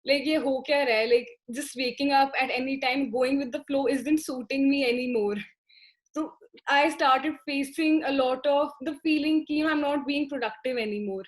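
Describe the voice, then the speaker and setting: A woman's voice: sits high, brisk, poor audio. A young woman moderating a panel in a conversational, reflective way. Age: young adult. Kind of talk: casual panel discussion.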